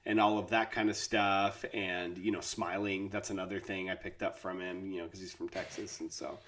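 A man's voice: deep voice, level tone, moderate pace, a bit bright. A man co-hosting a podcast, chatting casually and joking with his co-host over a remote call. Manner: playful, joking, laughs often. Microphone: remote call recording.

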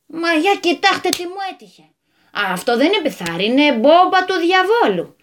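A woman's voice: extremely high pitch, sing-song, slight background noise, voice pushed up. A woman voicing a hot-tempered, bossy male landowner who talks in a flustered rush in a radio story. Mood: fretful bossy.

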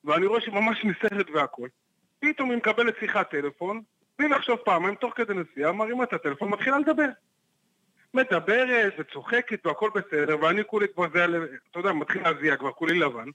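High, bright-voiced male storyteller. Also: poor audio. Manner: animated, acts out the dialogue with jumps in pitch. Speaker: private investigator guest. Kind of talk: lively storytelling in a podcast interview.

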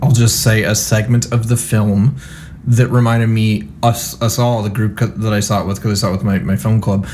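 A man's voice: lowish voice, level tone, moderate pace, darkish tone, a little hiss or hum. Wry rambling man, podcast chat. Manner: rambling, wry, many fillers and asides. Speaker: podcast co-host. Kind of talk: casual chat.

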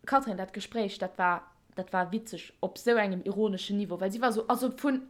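A young woman co-hosting a podcast, chatting casually and telling an animated story with frequent laughter. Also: mid-range voice, a little fast. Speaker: podcast co-host. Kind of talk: casual chat.

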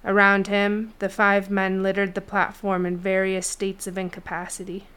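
Woman reading a story aloud, smooth clear voice, steady pace, medium pitch. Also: normal speed. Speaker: audiobook narrator. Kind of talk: scripted fiction narration.

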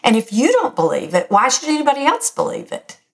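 An older woman with a raspy, slightly hoarse voice, speaking as a host in an encouraging, emphatic motivational talk straight to her listeners. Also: on the high side, huge pitch swings, a little fast. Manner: encouraging, direct address, emphatic. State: slightly hoarse, recovering from illness. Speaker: podcast host.

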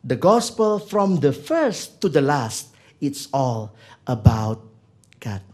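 A man preaching a sermon, teaching from the Bible, asking his listeners questions and dropping in English phrases, moving between loud emphasis and quiet asides. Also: mid-range voice, sing-song, slow pace.

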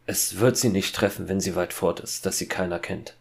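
A man's voice: sits low, steady tone, moderate pace, gravelly. A man voicing an anxious, cornered woodcutter father in a horror fairy-tale audiobook. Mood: tense. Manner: tense and anxious. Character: desperate bearded woodcutter father.

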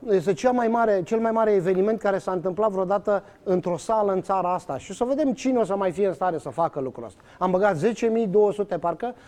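A man with a rather high, soft-toned voice. He talks as an interview guest, pressing his points and acting out the conversations he retells. He uses many fillers and restarts. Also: hardly any pauses. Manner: animated, many fillers and restarts, acts out quoted exchanges. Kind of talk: emphatic storytelling in conversation.

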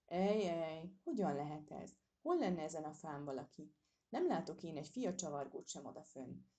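A grumbling, slow-witted park keeper in uniform from a children's storybook, as a woman reader acts him out. He mutters and huffs his words. The voice sits low and dark, with a mellow warmth. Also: sing-song.

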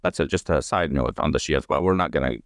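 A man with an extremely deep voice talks through a long explanation, pausing on fillers and restarting his sentences. The sound is dry and close, with no room echo. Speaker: guest. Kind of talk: conversational explanation.

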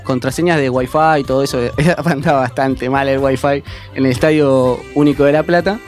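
A man, co-hosting a radio show in casual banter, explaining things haltingly while he searches for words. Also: mid-range voice, fairly even intonation, darkish tone, soft background music. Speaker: radio co-host. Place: radio studio.

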